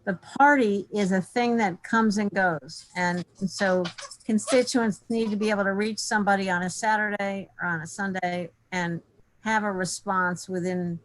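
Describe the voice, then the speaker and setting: Woman, committee member, medium pitch, conference call, inquiring, clarifying manner. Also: fairly even intonation, normal speed, poor audio. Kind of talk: questioning in a conference call meeting.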